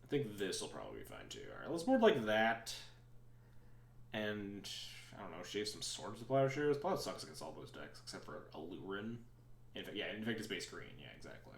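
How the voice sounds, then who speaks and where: A lower-voiced man talks to his stream while he plays a card game, rambling and thinking aloud with a dry, sarcastic edge. His pitch swings up and down a lot as he reasons through each move. The sound is roomy, with a clear echo around him. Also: big pitch swings, brisk. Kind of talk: casual live-stream commentary.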